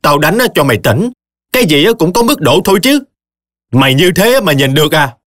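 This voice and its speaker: A man voicing a shrill, scolding older mother-in-law in a storytelling narration. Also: sing-song, brisk, fairly bright tone, dry recording, clean studio sound. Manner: shrieking, nagging.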